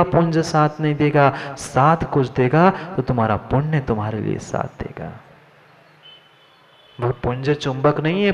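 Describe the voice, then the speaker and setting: A man giving a Jain sermon, addressing listeners by name and repeating his lines for emphasis. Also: on the high side. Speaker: Jain monk preacher. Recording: dull lo-fi sound.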